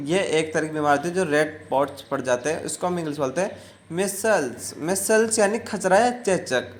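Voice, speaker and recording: A vocabulary teacher giving a word-by-word lesson in a steady, repetitive way, slowing down to repeat each word and its meaning. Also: mid-range voice.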